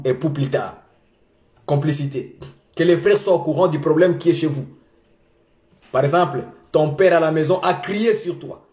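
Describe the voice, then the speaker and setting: A young man preaching relationship advice in an animated, repetitive way, laughing and stammering between points. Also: high voice, reverberant. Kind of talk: lively sermon.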